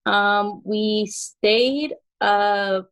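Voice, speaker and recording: A woman's voice: medium pitch, steady tone, very slow, a bit bright. A woman from Costa Rica telling her family's story casually, with many fillers, in a documentary interview.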